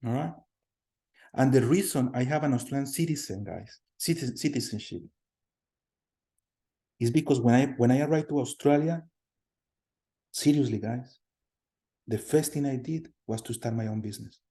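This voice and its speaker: A man from Colombia in his thirties teaching a class over a video call, energetic, often repeating words and putting questions to the students. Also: mid-range voice, normal speed, pauses often. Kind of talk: online class lecture. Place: home room on a video call.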